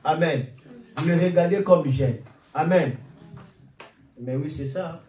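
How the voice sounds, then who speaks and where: A man around forty preaches with a high, ringing voice, calling out alleluia and amen between points. He sounds set back from the mic, and the church room echoes around him. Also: slow pace, distant mic. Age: 40s. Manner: animated preaching with frequent alleluias and amens. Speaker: pastor. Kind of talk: sermon. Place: church hall.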